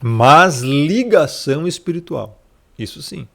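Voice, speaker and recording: Speaking slowly in a gravelly, fairly high voice, this animated Bible teacher explains scripture in a casual study. His style is conversational, sprinkled with tag questions, and he calls his listener brother.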